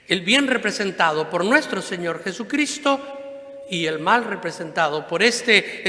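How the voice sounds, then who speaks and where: A man's voice: high voice, sharp tone. A male priest giving a Sunday homily in a conversational way, asking rhetorical questions and adding "no?" after many phrases, in a church. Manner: conversational preaching, frequent rhetorical questions and tag "¿no?". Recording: echoey church with long reverb.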